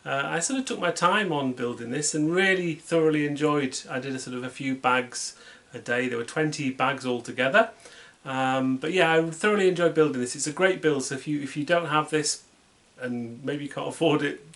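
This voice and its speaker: A British man giving a casual, unhurried product review at home, chatty and self-deprecating. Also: fairly high pitch, fairly bright tone. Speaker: toy set reviewer. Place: home, at a tabletop.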